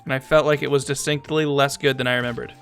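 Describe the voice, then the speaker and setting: A man streaming a strategy game, chatting casually, thinking aloud, talking to his chat, and sometimes reading game text aloud slowly. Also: mid-range voice, steady tone, vocal fry, fairly bright tone, smooth, faint music behind. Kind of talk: casual gameplay commentary.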